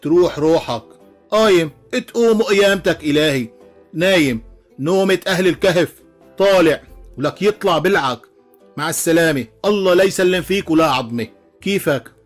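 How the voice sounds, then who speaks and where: A man with a Levantine Arabic accent telling a string of jokes, animated, slipping into character voices and chuckling along. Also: a little high, a little fast, soft background music. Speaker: joke teller. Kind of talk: voiced joke compilation.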